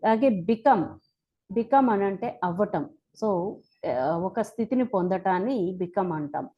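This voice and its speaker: A woman with a Telugu accent teaching English verb forms, reciting each form one by one slowly and deliberately. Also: medium pitch, expressive, dull audio. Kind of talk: slow spoken-English lesson.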